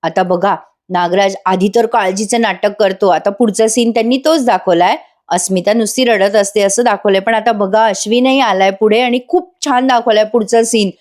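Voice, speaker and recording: A woman's voice: mid-range voice, moderate pace, hardly any pauses, a little mellow. A woman giving a chatty voice-over recap of a TV serial episode, talking straight to her viewers. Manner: chatty, addresses viewers directly. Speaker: TV serial reviewer.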